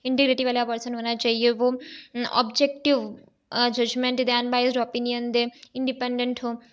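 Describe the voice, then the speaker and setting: A woman's voice: on the high side, flat delivery, moderate pace. A woman chartered accountancy tutor, explaining step by step in a recorded exam-prep lecture. She poses questions and then answers them, and often checks in with "okay". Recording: dull, lo-fi recording.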